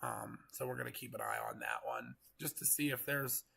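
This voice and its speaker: A man with a gravelly, congested voice from getting over a cold, giving casual, rambling live storm coverage commentary. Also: mid-range voice, wildly swooping pitch, fairly quick, sharp tone. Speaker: live weather stream host, storm chaser.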